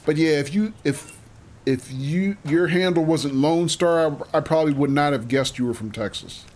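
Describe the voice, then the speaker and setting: A man livestreams a game while chatting casually with his viewers, reading their messages aloud and greeting them by name. His voice is on the high side with a darkish tone, and he keeps a moderate pace.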